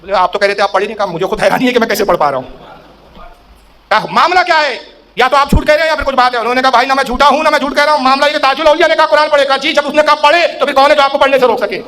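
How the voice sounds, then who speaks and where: A man's voice: extremely high pitch, sharp tone, a little hiss or hum. A man preaching a sermon in a storytelling way, acting out quoted speech with a raised voice.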